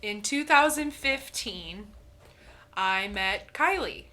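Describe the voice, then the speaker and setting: Slow-talking bright young woman. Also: medium pitch, expressive. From Indiana. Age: 20s. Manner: blunt, laughing, with frequent ums. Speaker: podcast co-host. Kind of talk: casual chat.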